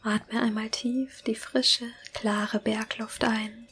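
A woman whispering a slow, calm guided meditation. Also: a little high, soft background music.

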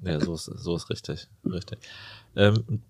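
A man's voice: low-pitched, measured pace, a little mellow, no room sound. A man hosting a casual podcast interview, chatty and joking, telling anecdotes with gusto. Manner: jokey, chatty storyteller. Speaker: podcast host and plastic surgeon.

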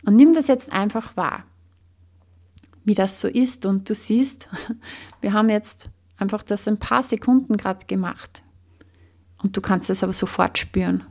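Woman coach, slow guided exercise, gravelly tone. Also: mid-range voice. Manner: slow, calm guiding questions.

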